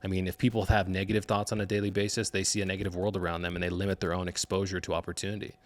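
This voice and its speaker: A male podcast host with a deep voice and flat delivery races along as he poses long, reflective interview questions. His manner is earnest and motivational.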